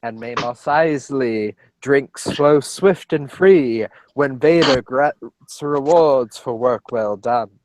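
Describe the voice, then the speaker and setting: A man's voice: mid-range voice, slow, few pauses, a little mellow, a little hiss or hum, pitched below the performer's own voice, lightly acted, rough recording. A man reading an eager imperial trooper. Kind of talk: live Shakespearean verse reading.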